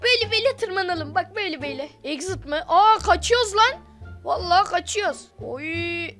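High, bright excitable gaming woman. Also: fairly quick, soft background music. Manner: excitable, slangy, chatty running commentary. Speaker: gaming video host. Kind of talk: excited Roblox gameplay commentary.

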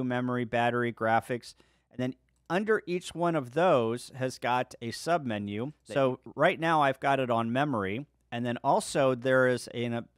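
Man giving a dry-sounding software walkthrough. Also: mid-range voice, no room sound. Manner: relaxed step-by-step walkthrough. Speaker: ham radio video host. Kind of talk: screen-share software tutorial.

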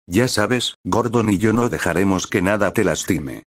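A man reading a protective gruff older brother. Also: fairly low pitch, normal speed, no room sound, studio quality, lightly acted. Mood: reassuring. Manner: reassuring, turns snappish.

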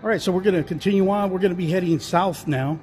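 A man narrates a casual walking tour of an indoor shopping mall, rambling with lots of fillers and restarts. His voice sits high, fast and a little mellow. It's a vlogger off screen, recorded on a handheld phone camera with slight background noise.

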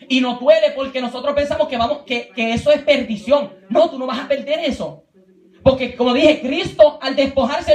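A man preaching a sermon at a youth retreat in a church, often breaking in with praise exclamations and dropping in English words. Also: extremely high pitch. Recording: echoey church room.

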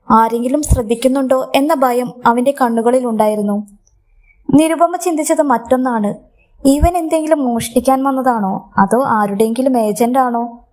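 A woman narrating a scripted story in a steady, measured reading. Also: high-pitched.

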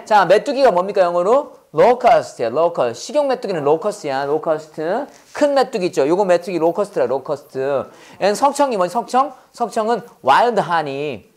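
Teaching English in a classroom lecture, a man with a high, sing-song voice speaks at a measured pace with hardly any pauses. He leads repeat-after-me drills, repeats phrases, and answers his own questions.

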